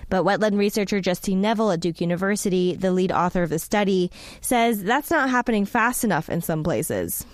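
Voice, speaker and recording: A woman's voice: medium pitch, a little fast, no echo, clean studio sound. A woman reading a scripted radio news report.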